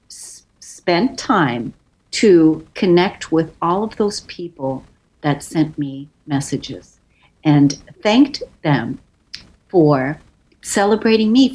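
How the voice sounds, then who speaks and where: In a poor-quality recording, a woman in her fifties tells a personal story effusively, often repeating words for emphasis. Her voice is lowish and a little mellow.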